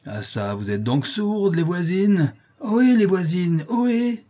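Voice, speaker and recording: A man voicing a hoarse drunken brute, raised pitch, loud bullying shouts. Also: animated, unhurried. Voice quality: hoarse, rough. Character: drunken lame brutish male neighbor.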